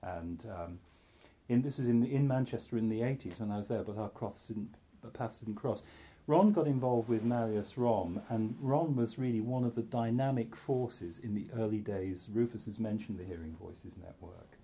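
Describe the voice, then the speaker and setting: A middle-aged male psychiatrist from North Wales gives a candid, self-deprecating talk to an audience, full of restarts and asides. His voice is lowish and mellow with a breathy edge, and he speaks at a normal speed.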